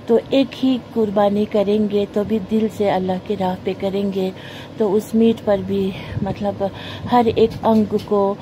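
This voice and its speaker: A woman vlogger delivers an earnest, preachy monologue to camera from a carpeted room at home. Her mid-range voice comes through a phone camera aimed at the floor, with background noise.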